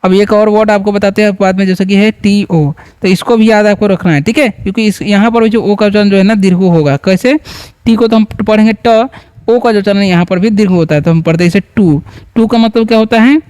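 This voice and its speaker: Man, from India, English teacher, patient, repetitive, quizzing viewers, high voice, smooth and clear. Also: fairly even intonation, brisk, a little mellow. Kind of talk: spoken lesson.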